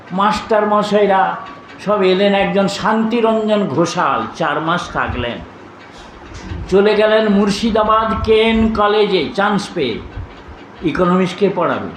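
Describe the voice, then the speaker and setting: Older monk telling stories in an echoey hall. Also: male voice, high voice, measured pace, long pauses, a little hiss or hum. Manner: anecdotal, scolding, switching between narration and quoted voices. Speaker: monk giving a religious discourse. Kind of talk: storytelling sermon. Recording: echoey room with faint ambience.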